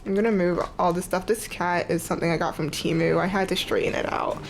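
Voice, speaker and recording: A young art vlogger with a fairly low, gravelly voice talks quickly and steadily over a noisy background. She sounds congested and sniffly as she rambles casually through a tour of her sketchbook from bed, saying "like" a lot.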